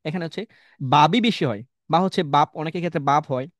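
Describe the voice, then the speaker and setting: A man's voice: on the high side, brisk, no echo. A man running a live online class over a video call, drilling students on tongue twisters and calling on them one by one. His voice is dry and close, with nothing behind it. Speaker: online English teacher. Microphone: computer mic on a video call.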